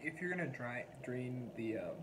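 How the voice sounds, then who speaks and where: A man talks over dinner in a measured, patient way, walking through his point step by step. His voice sits at a middle pitch. Loud kitchen noise fills the background. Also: animated. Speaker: guest, younger brother. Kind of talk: casual chat over a meal. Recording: noisy room with kitchen sounds.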